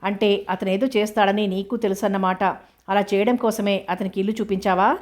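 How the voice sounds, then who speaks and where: A woman's voice: mid-range voice, steady tone, fairly quick, natural voice. Woman reading as a young wronged woman, indignant. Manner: indignant, sharp questions.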